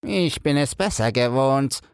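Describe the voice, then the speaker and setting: A man's voice: mid-range voice, lively intonation, measured pace, gravelly, clear, resonant tone, no room sound, clean studio sound, pitched above the performer's own voice. A man voicing a pompous, easily offended little male dung beetle in a storybook reading. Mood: scornful.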